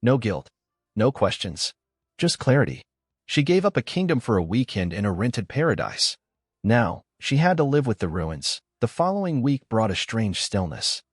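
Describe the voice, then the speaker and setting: A man narrating a first-person story in a calm, measured, scripted way. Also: medium pitch, husky, no echo, clean studio sound.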